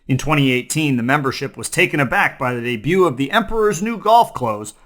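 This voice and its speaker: An animated male comedy news host reads parody headlines from a script in a mock-serious newscaster way. His voice is medium-pitched and a bit bright, and he speaks fairly quickly.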